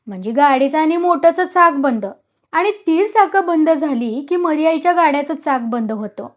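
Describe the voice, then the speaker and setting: A woman voicing a superstitious old village man who speaks loudly and forcefully. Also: sits high, expressive, normal speed. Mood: insistent. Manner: loud, forceful.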